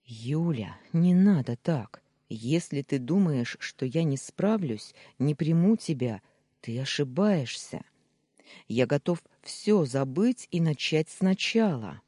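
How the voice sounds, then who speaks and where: Young man pleading read by a narrator; husky, slow, animated delivery, dry booth. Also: mid-range voice, no echo. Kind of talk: audiobook character reading.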